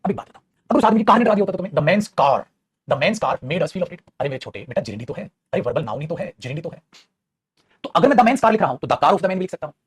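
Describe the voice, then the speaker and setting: Quick, playful grammar teacher. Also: male voice, high-pitched, slight background noise. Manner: lively, playful, addresses students as beta and guruji, acts out student voices. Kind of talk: online grammar lesson.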